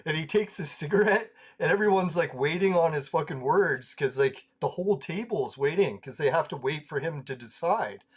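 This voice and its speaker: A man's voice: a little high, lively intonation, moderate pace, few pauses, slightly rough. A man chatting casually over gameplay, rambling through anecdotes, laughing often and swearing freely. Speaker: gaming video creator.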